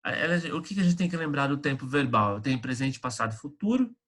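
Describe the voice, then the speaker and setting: Chatty teacher checking in with students. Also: male voice, mid-range voice, lively intonation, quick pace, a bit bright. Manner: conversational, checks in with students often; hesitant, with frequent fillers and restarts. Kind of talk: online lesson going over exercises.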